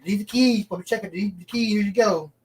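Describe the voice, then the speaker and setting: Halting man, distant on the line. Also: high-pitched. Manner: halting, repeats words while searching. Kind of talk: casual chat.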